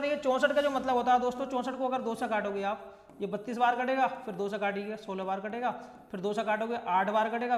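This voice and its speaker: A young man teaching exam math, repeating himself and often calling the viewers friends and brother. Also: very high-pitched. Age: young adult. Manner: repetitive, keeps addressing viewers as friends and brother. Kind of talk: explaining math at a board. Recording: echoey room with long reverb.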